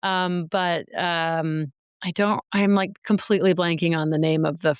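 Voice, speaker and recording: A woman's voice: lowish voice, fairly even intonation, measured pace, clean tone, dry recording, studio quality. A woman audiobook narrator chatting in an interview, rambling and restarting her thoughts. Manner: chatty, trails off and restarts, laughs often. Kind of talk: casual interview chat.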